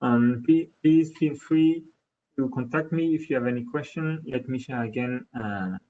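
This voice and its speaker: A man with a French accent answers questions at the close of a technical webinar. He pauses often and fills gaps with hesitant "uh"s at a middling pitch. The audio is dull and lo-fi. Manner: hesitant, many fillers. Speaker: product specialist presenter.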